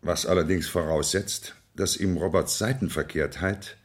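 An actor playing a gruff, moralistic chief inspector in a 1970s radio play, speaking in dry, clipped remarks. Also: male voice, deep voice, fairly even intonation, normal speed. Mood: musing.

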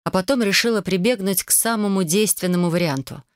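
A woman narrating a first-person romance novel with a measured, expressive reading. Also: mid-range voice, no room sound, studio quality. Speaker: audiobook narrator.

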